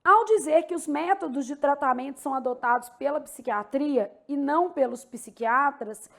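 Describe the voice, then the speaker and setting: A woman's voice: high voice, normal speed, gravelly. A woman with a Brazilian Portuguese accent teaching an exam-prep Portuguese lesson, explaining step by step and checking in with "tá?" and "né?".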